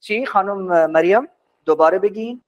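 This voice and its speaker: A man with a somewhat high voice leads a classroom lesson as the teacher. He is patient and stretches words out slowly so his students can repeat them. The recording sounds dull and lo-fi. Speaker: language teacher.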